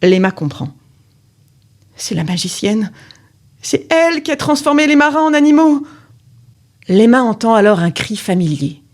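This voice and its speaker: A woman reading a children's story aloud with expressive, dramatic storytelling. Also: a little high, normal speed, pauses often.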